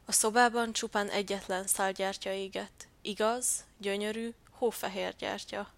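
A woman narrating a children's Christmas story in a calm, gentle storytelling manner. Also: medium pitch, vocal fry.

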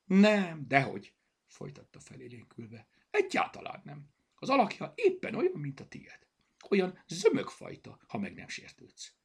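A man voicing an excitable know-it-all toy rabbit in a children's storybook, with a high, squeaky voice. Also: vocal fry, slightly rough, exaggerated voice. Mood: eager.

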